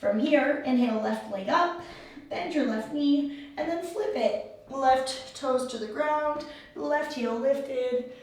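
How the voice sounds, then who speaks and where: A woman teaching a yoga class, giving step-by-step pose instructions in a calm, soothing, encouraging way. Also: high voice, takes it slowly. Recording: very echoey room, far mic, faint noise.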